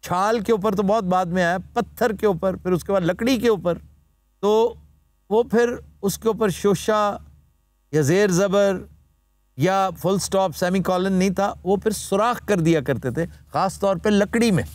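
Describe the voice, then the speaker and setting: A man's voice: high voice, a little slow, dry recording. A man hosting a TV talk show, explaining where words come from in a lecturing way and using formal vocabulary. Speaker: host. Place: TV studio.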